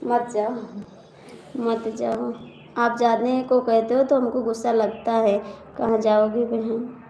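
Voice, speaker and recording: This woman's voice is on the high side, gravelly and mellow, with little pitch movement, and she takes it slowly. An Awadhi-accented folk singer, she hosts a casual live stream, teasing viewers, chatting and reading out their comments. Faint background noise sits in an echoey room.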